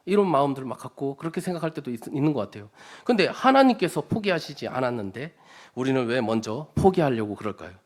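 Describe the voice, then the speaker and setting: Man preaching a conversational sermon. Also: on the high side. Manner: conversational, often asks the congregation questions; acts out quoted speech with rising emphasis. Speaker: church evangelist preaching.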